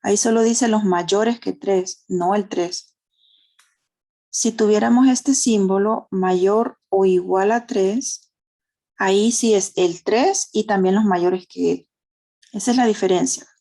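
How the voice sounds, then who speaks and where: Speaking in a medium-pitched, dark-toned voice at an unhurried pace, a Honduran-accented woman walks her online math students through each step. She checks in with tag questions and favors diminutives.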